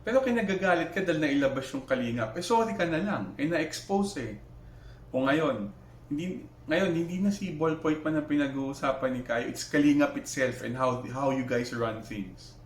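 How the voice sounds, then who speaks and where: A man's voice: fairly high pitch, moderate pace, roomy sound, slight background noise. A man with a Filipino accent giving heated reaction commentary, switching between Tagalog and English, firing rhetorical questions and restarting his sentences. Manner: argumentative, Taglish, rhetorical questions, many restarts. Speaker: vlogger reacting to another creator.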